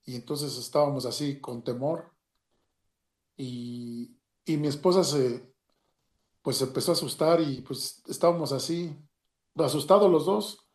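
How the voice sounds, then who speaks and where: A man with a Mexican Spanish accent tells a personal story in a halting way, with many restarts and retold dialogue. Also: mid-range voice, darkish tone. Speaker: storyteller giving a personal testimony. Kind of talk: emotional personal story, casual. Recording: roomy echo.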